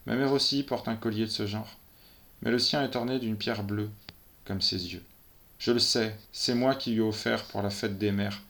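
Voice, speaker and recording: A man's voice: lowish voice, steady tone, normal speed, gravelly, a bit bright. A man reading a first-person story aloud in a tense, breathless storytelling manner. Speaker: narrator.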